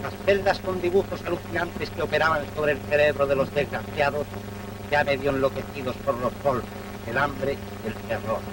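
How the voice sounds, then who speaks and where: A man's voice: on the high side, steady tone, moderate pace. A man narrating an old 1930s newsreel in a solemn, declamatory manner. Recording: noisy, distant 1930s newsreel soundtrack.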